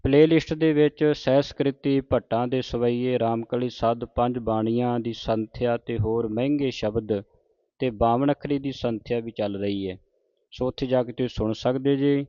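A man teaching scripture recitation line by line, slowly chanting each verse and correcting pronunciation. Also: medium pitch, steady tone, warm tone, dry recording. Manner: slow, deliberate, corrects pronunciation. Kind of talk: slow line-by-line recitation lesson. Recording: dull lo-fi dry recording.

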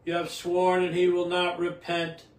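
An older man, a priest, reads scripture in steady liturgical cadence and then preaches a homily at Mass, restarting phrases as he goes. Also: high-pitched, unhurried. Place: small indoor home chapel. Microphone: camera a few feet away. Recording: roomy echo, distant from the mic.

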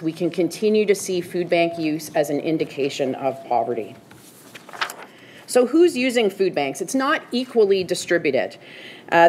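Female delegate, low-ish voice, earnest prepared presentation, faint room hum behind. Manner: earnest, informative. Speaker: food bank executive director presenting as a delegate. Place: council chamber. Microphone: podium microphone.

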